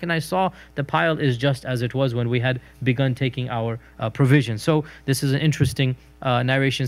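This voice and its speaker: A middle-aged man giving a recorded religious history lecture, telling stories conversationally and acting out quoted speech. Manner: storytelling, acts out quoted speech with raised pitch; conversational with fillers and restarts.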